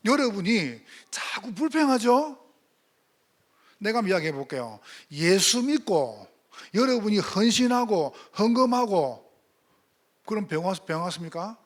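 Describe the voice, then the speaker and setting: High, animated Korean-speaking preacher man. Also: measured pace. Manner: emphatic, rhetorical questions, swings from loud to hushed. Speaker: pastor. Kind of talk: sermon.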